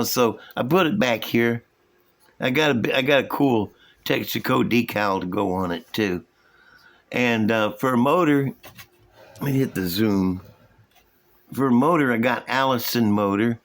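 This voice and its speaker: A man with a slow, folksy drawl, casually showing and explaining his hobby projects to viewers. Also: medium pitch, fairly bright tone. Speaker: hobby model-building vlogger. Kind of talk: casual show-and-tell commentary.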